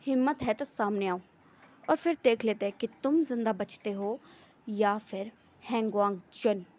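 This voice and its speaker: A woman's voice: medium pitch, unhurried, lightly acted. A woman voicing a vengeful male mafia boss who threatens and taunts his enemies. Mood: taunting. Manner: threatening, taunting, shouts in bursts.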